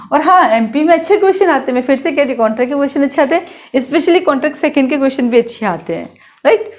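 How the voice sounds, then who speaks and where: A woman law teacher with an Indian accent, schooled in Hindi, lecturing in a lively way and repeating points with quick questions to her students. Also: a little high. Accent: Hindi-medium Indian English words. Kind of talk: classroom lecture.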